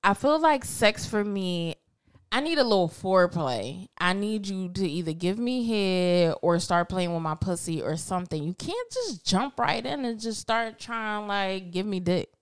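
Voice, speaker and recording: A woman's voice: medium pitch, animated, measured pace, smooth. Tipsy Philly woman hosting a podcast. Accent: Philadelphia. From Philadelphia. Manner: frank, profane, laughing. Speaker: podcast host. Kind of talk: casual adult podcast chat.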